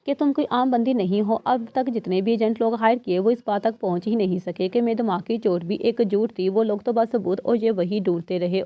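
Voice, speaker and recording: A woman's voice: fairly high pitch, no room sound, close to an everyday voice. A woman reading the part of a ruthless male crime boss in a storybook reading, mocking and coldly self-assured. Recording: dull, slightly lo-fi dry recording.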